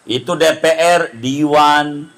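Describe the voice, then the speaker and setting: Slow, high-voiced man preaching with jokes. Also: fairly bright tone, low-quality recording. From Indonesia. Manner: humorous storytelling with slow emphatic stresses. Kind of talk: sermon at a circumcision feast.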